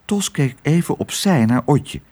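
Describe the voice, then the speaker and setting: A man narrating a children's audiobook in an expressive storytelling manner. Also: a little high, unhurried.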